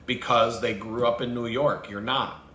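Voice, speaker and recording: A male vlogger host delivers a blunt, rambling rant, swearing freely and laughing at his own jokes. His bright, mid-pitched voice holds a steady tone at normal speed, while the room echoes with a faint hum behind him.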